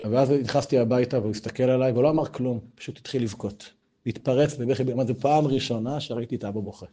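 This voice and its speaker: A man, giving an informal Torah talk full of personal stories and rising to loud, animated bursts. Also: mid-range voice, breathy edge. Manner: animated storytelling, voice swells when excited. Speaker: religious lecturer.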